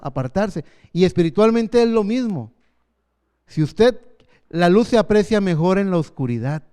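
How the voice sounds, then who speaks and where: A man in his fifties preaching a sermon as pastor, earnest, slowing down for emphasis. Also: high voice, dark tone, clear, resonant tone. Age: 50s.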